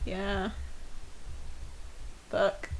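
A woman's voice: drawn-out words, low-quality recording. A woman in her twenties in a casual chat, laughing often and swearing freely. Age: 20s.

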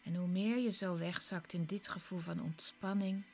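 A woman guiding a relaxation exercise in a soft, soothing, partly whispered voice, with slow short instructions and pauses. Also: on the low side, steady tone. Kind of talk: soft, soothing guided relaxation with breathy, part-whispered delivery. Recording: clear background music. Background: relaxation music.

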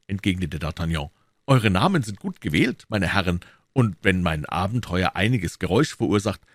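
A man's voice: low-pitched, very animated, normal speed, no room sound, studio quality. A man reading aloud, voicing a polite, brave young male swordsman in a raised voice. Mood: astonished. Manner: polite, formal.

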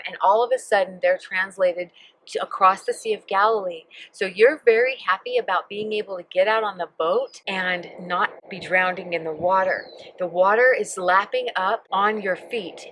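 A woman's voice: medium pitch, fairly bright tone, no echo, low-quality recording. A woman leading a guided Bible meditation, reading scripture aloud and telling listeners to picture the scene, speaking vividly and emphatically. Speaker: Bible teacher.

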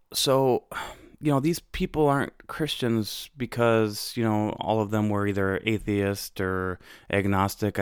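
A young American man hosts a podcast, reflecting conversationally on his own story with frequent fillers and restarts. His lowish voice has a clean tone, recorded dry with clean studio sound.

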